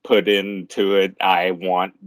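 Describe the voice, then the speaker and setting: A man's voice: sits low, little pitch movement, slow, dry recording. A man chatting casually on a movie podcast, giving blunt opinions and laughing often. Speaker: podcast guest.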